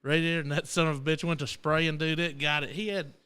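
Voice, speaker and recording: A man's voice: on the high side, steady tone, quick pace, bright, forceful tone, clear, resonant tone. A man co-hosting a live radio podcast, joking, swearing freely and laughing often. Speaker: podcast co-host. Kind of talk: casual live radio banter.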